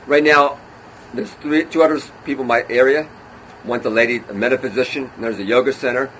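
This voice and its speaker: A man in his sixties who speaks quickly and with eager enthusiasm. He is a guest in a casual interview, and he bursts out his answers at a rapid clip. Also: mid-range voice, slight background noise, poor audio. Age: 60s. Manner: excitable, enthusiastic.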